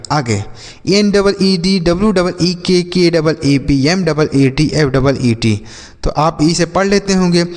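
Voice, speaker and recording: A man's voice: a little high, long reverb tail. A male teacher giving a classroom-style phonics lesson, calling his viewers children and drilling each rule with repeated questions and answers.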